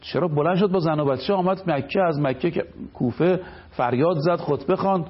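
A man's voice: fairly high pitch, slightly rough, muffled recording. A man speaking as a cleric on a television program, delivering an emphatic religious lecture. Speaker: cleric guest.

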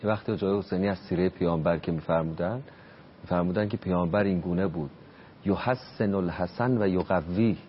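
A man hosting a talk show, calmly echoing and extending his guest's points. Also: low-pitched, lo-fi sound, slight background noise.

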